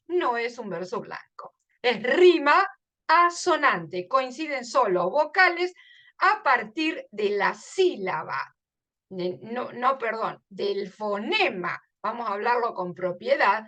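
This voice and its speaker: A woman's voice: fairly high pitch, bright, forceful tone. A woman explaining a literature lesson, emphatic and often checking in with her listeners. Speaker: literature teacher.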